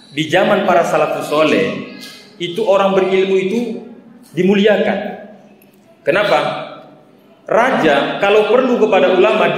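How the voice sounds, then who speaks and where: A man, a religious teacher, giving a sermon as a story, with rhetorical questions and frequent tag words. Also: sits high. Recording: echoey hall reverb.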